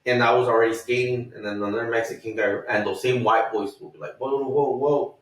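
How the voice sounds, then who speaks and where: A man's voice: medium pitch, fast, far from the mic. Thirties man from the US, casual profane storyteller, roomy off-mic sound. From United States. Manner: profane, rambling, animated retelling with acted quotes. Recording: echoey room, off-mic.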